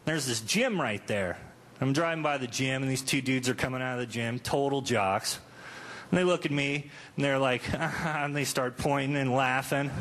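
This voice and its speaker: Speaking at a normal speed with a medium, slightly bright voice, a thirties-aged man delivers conversational stand-up full of crude, self-deprecating humor. The set was recorded live in a club, and audience noise fills the background.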